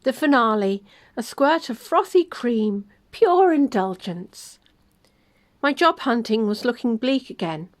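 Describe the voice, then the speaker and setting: A woman reads her own first-person love story aloud. She tells it gently and expressively, in a somewhat high voice. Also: lively intonation, a little slow.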